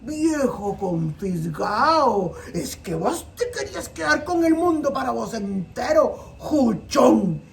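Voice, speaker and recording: A woman with a Costa Rican accent voicing a big, bossy female whale who scolds in a high, shrill voice. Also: very animated, slow, creaky, hardly any pauses, full character voice. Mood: scolding. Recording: distant mic with faint noise.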